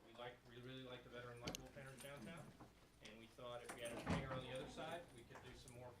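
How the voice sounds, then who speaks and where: A man serving as a downtown business liaison explains a grant to the council in a plain, matter-of-fact way. He is far from the mic in an echoey room, and loud background noise sits under his voice. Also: medium pitch, steady tone, racing. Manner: plain explanatory, some fillers. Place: town council chamber.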